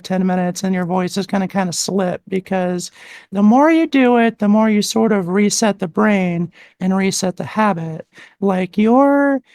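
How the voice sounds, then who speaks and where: A woman voice coach walks through an exercise patiently, one step at a time, filling pauses with "like" and "um". Her voice sits at a middle pitch. The desk mic gives a close, dry sound with no room echo. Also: darkish tone. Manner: patient, step-by-step, with frequent "like" and "um" fillers. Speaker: voice coach guest. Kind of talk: instructional explanation in a live-stream conversation. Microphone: desktop mic with adjustable gain.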